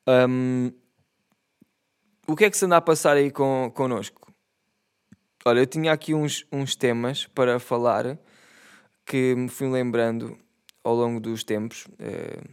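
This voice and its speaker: A man's voice: medium pitch, fairly even intonation, takes it slowly, long pauses, clear, resonant tone. A young man with a European Portuguese accent, ranting profanely and comically in a casual monologue.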